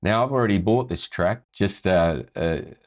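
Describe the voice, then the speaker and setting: Walking through a screen-share lesson at normal speed, this music tutor talks casually in a low voice, often tossing in "right?" to check that listeners are following.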